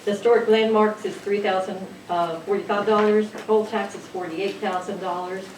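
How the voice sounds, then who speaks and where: A woman's voice: mid-range voice, fairly even intonation, darkish tone. A woman finance officer reading a council financial report, hurrying through the numbers with fillers. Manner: rushed, reeling off figures with fillers. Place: council chamber. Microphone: distant room mic. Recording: echoey chamber, distant mic, noise.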